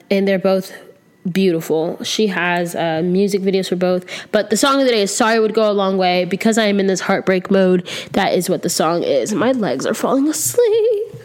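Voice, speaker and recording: Close to the mic, a woman in her twenties rambles candidly through her solo podcast, using lots of ums. She is slightly sick and a little nasal, with a clean, mid-range voice.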